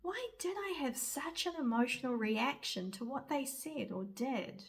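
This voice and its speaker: A woman speaks in a gentle, soothing way, giving spiritual guidance. Her voice sits a little high. She talks slowly and reflectively. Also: big pitch swings, gravelly. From New Zealand. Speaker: spiritual reader and guide.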